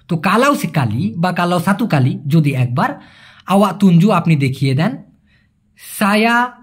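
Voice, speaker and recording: A man's voice: sits high, husky. A man, teaching vocabulary in a casual video lesson, chatty and joking. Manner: chatty and animated, jokes in colloquial asides. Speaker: language teacher.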